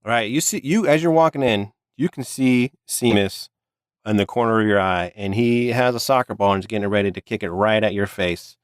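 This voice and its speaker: Smooth low-voiced man running the game. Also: no room sound, clean studio sound. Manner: halting, restarts, laughs along. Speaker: game master. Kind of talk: narrating a tabletop game.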